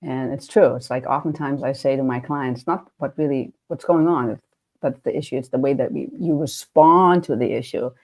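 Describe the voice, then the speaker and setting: A woman's voice: very deep voice, normal speed, a little mellow. A woman with a German accent hosting a casual interview, chatty and often restarting her sentences. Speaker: podcast host and coach.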